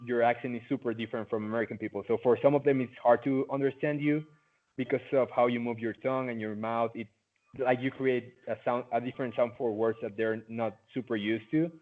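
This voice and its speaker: A young man in his late teens from Mexico, a native Spanish speaker with a Mexican Spanish accent, talks at medium pitch in a steady tone and a little fast. A former student, he answers interview questions over a video call in a loose, chatty way packed with "like" fillers. The line sounds tinny, like a phone.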